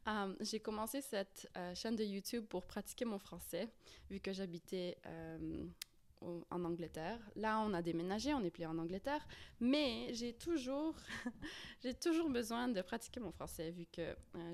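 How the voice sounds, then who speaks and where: A woman YouTuber leads a casual guided prayer and Bible reading in a slow, soft, medium-pitched voice. She sounds hesitant, with many fillers and restarts, and she often drops to a whisper.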